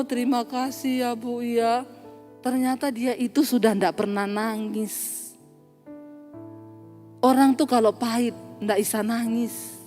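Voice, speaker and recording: Woman pastor, high voice, lively storytelling sermon; long church reverb, faint music under. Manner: animated, acts out dialogue, laughs at own jokes.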